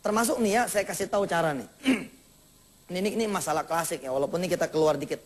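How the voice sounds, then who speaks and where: Animated high-voiced Jakarta preacher. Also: male voice, fast talker. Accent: Jakarta Indonesian. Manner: animated, acts out little dialogues, jokes with the congregation. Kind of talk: sermon.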